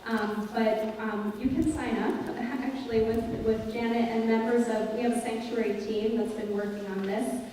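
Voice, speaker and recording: A young woman runs a congregation Q&A in a spacious synagogue sanctuary, explaining earnestly and unscripted into a handheld mic with plenty of ums. Her slightly high, dark-toned voice stays steady at a normal pace with hardly any pauses, and a distant camera records the echoey hall with slight background noise.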